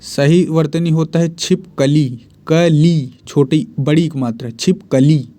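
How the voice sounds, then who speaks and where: A man's voice: on the high side, unhurried, mellow. A man teaching Hindi spelling and grammar for exams, repeating each word and answering his own questions. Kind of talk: exam-prep lesson.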